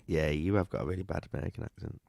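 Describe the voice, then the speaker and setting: A man's voice: low voice, steady tone, very fast, gravelly, a little mellow, no room sound. A man bantering and teasing in a casual online chat with musician friends, over a home video call. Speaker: guest musician. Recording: guitar music behind.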